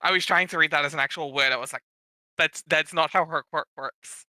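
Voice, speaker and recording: A man's voice: fairly high pitch, brisk, sharp tone, no echo. A man casually bantering and reading a script aloud as he leads a group session. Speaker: session leader and narrator.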